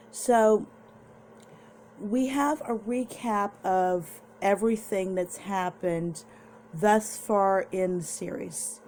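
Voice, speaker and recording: A woman's voice: medium pitch, darkish tone, a little hiss or hum. A young woman vlogger casually recapping and reviewing a TV episode, chatty and meandering, with restarts.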